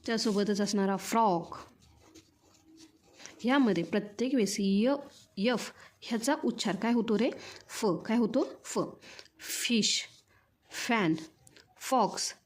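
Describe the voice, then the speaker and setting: A woman's voice: mid-range voice, a little slow, long pauses, a little mellow. Marathi-accented woman teacher, patient drill style, asks and repeats. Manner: repetitive question-and-answer teaching. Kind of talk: children's phonics lesson.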